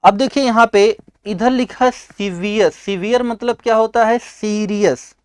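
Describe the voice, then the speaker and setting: A high-voiced man with a North Indian accent teaching an exam-prep English lesson in a dry, close sound. He explains by asking questions and answering them himself, mixing English terms in. He clears his throat now and then. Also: a little slow, no room sound. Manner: clears throat and coughs often.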